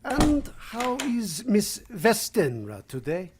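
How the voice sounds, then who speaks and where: A woman's voice: mid-range voice, wildly swooping pitch, darkish tone, a little hiss or hum. A woman playing a suave, courtly, menacing vampire count in an old-style radio drama. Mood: courtly, restrained. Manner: formal, courtly, deliberate. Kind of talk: vintage radio drama acting.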